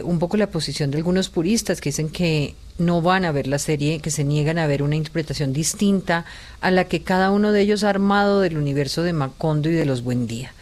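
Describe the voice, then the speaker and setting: A woman hosting a radio panel, moderating briskly and announcing the break and return. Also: sits low, a little mellow. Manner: brisk, moderating, short acknowledgements. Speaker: radio host.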